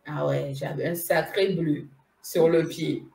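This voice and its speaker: A woman's voice: low voice, measured pace, vocal fry, roomy sound. A woman casually telling a personal story as a guest, repeating herself and laughing as she goes. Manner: animated, repeats phrases, laughs while telling. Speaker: spiritual medium guest.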